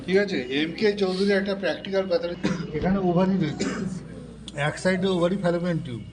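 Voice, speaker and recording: A man's voice: high-pitched, quick pace, a crowd in the background. A man teaching students about pathology specimens in an informal session, explaining step by step and often checking that they follow. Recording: distant mic with faint background noise.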